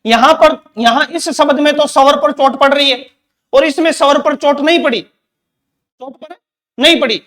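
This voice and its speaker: A man with a very high-pitched, somewhat bright voice gives an exam-prep lecture on Hindi grammar. He repeats his points and quizzes listeners with rhetorical questions.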